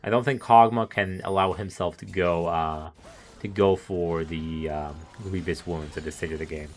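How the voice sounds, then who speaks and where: A man's voice: low voice, fairly even intonation, normal speed, a little hiss or hum. A man doing live solo esports commentary, analytical and musing, chuckling between thoughts, his voice wearing thin. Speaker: esports caster.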